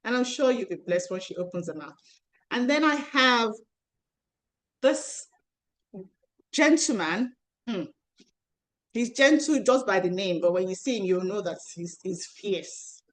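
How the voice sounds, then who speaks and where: A woman's voice: lowish voice, normal speed, a little mellow. A woman coach hosting an online relationship panel over a video call, talking in a chatty, rambling way with many restarts. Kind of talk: live online panel introduction.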